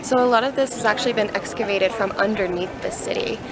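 A woman's voice: mid-range voice, fast talker, very noisy. A woman in her thirties, a travel vlogger, chatting upbeat to a handheld camera as she walks busy city streets. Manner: chatty and upbeat, talking while walking. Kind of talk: walking tour vlog. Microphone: camera held at arm's length.

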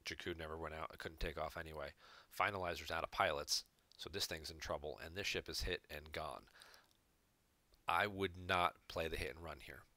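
A man with a low, crisp and forceful voice walks through a card game match play by play. He sounds analytical and methodical, explaining each move. The recording is dry and close, with no room sound. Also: fairly even intonation, normal speed, dry recording. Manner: analytical, explains plays step by step. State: hiccups. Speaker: game reviewer. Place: home room.

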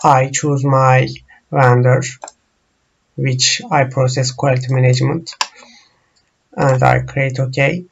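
A man whose first language is Turkish, walking through software screens in a slow, halting tutorial full of pauses and fillers. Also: medium pitch, little pitch movement, vocal fry, dull audio, slight background noise. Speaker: software trainer.

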